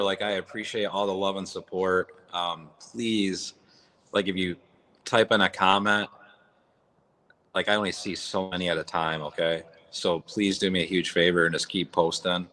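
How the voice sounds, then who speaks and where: A man's voice: sits low, a bit bright. A man hosting a casual livestream from a barn, his voice echoing, talking in a raw, blunt, rambling way. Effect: echoey barn sound. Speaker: livestream host. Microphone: phone or app mic.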